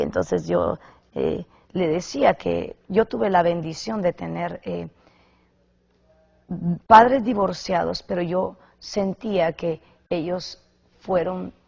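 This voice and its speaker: Husky creaky-voiced woman preaching. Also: lowish voice, a little mellow. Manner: emphatic, repeats words for stress. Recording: slightly muffled lo-fi recording.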